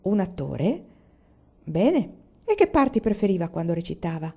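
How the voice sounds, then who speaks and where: A woman's voice: medium pitch, sing-song, moderate pace, warm tone, lo-fi sound. A woman voicing a dry, polite farm owner.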